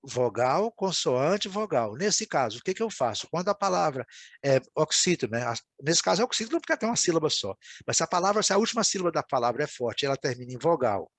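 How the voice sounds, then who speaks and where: A man gives a recorded English lesson, explaining each word patiently and often asking his students if they follow. His voice sits a little high. The sound is close and dry, with no room echo. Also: very animated, fast talker. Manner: explanatory, repeats words and checks with "né, gente?". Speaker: English teacher.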